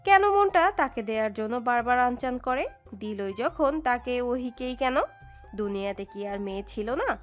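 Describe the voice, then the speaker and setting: A woman reading a romantic story aloud in an expressive, dramatic narration. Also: on the high side, normal speed. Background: soft background music.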